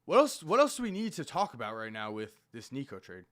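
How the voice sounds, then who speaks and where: A man hosting a live reaction stream, talking excitedly and jumping between topics. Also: medium pitch, fairly quick. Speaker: livestream host reacting to news. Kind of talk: casual live reaction commentary.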